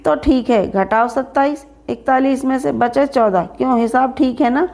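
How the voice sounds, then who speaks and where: A woman narrating a story in first person, expressive and shifting into a stern employer's voice. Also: high voice, normal speed, gravelly.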